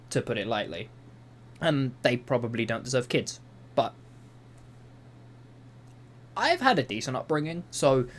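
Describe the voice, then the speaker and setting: A young man reading reddit posts aloud and commenting on them in an exasperated, rambling way, swearing often. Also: medium pitch. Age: young adult. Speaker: YouTuber. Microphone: voice-over over gameplay footage.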